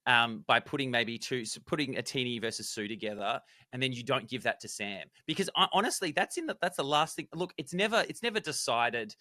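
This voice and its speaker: A man co-hosting a podcast, explaining game strategy in an animated, detailed way. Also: medium pitch, fairly quick, hardly any pauses, no room sound, clean studio sound. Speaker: podcast co-host, former contestant. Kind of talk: casual analytical chat.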